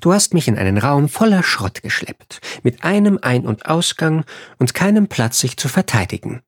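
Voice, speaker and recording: A composed female ambassador, put on by a male reader, stays level and matter-of-fact whatever happens. The voice is husky and a little lifted in pitch. It sounds close and dry in an audiobook reading. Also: big pitch swings, moderate pace, dry recording. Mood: calm.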